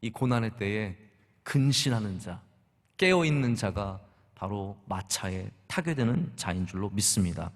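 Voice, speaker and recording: A man's voice: fairly low pitch, expressive, a little slow. A middle-aged man preaching a sermon as pastor, talking conversationally and asking the congregation rhetorical questions. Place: church sanctuary. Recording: long church hall reverb.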